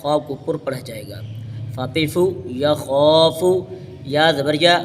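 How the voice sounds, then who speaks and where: Slow, measured male Quran teacher. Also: on the high side. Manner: spells each letter with its vowel mark, then joins the syllables into a drawn-out word. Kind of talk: slow spelling-out recitation lesson. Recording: hall reverb with faint noise.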